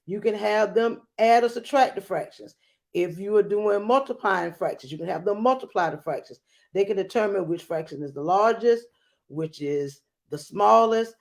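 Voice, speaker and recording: A woman speaking as a teacher gives a read-aloud lesson and narrates a storybook in an explanatory, emphatic way. Her voice is medium-pitched with a darkish tone.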